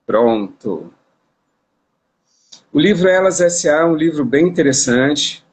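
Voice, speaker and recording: A man's voice: fairly high pitch, animated, takes it slowly. A man from Brazil hosting a casual live-stream interview, talking in a chatty way with many restarts, recorded on a phone. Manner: chatty, repeats words and restarts. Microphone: phone on a live video stream.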